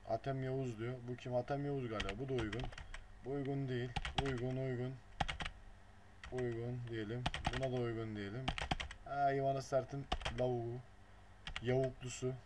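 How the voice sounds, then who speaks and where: A man giving a casual screen-recording tutorial, muttering along as he clicks and dropping blunt offhand jokes. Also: mid-range voice. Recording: noisy home recording with keyboard clicks. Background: keyboard and mouse clicks.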